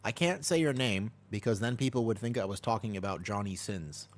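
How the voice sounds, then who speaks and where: An American streamer with a slightly low, laid-back voice chats casually with his audience while playing. He talks fairly quickly, drifts from topic to topic, and laughs easily.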